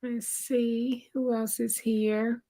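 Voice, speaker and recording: Speaking in a mellow, fairly high voice with a level tone, a livestream host chats unhurriedly with her audience. She welcomes viewers by name and reads out what they post in the chat.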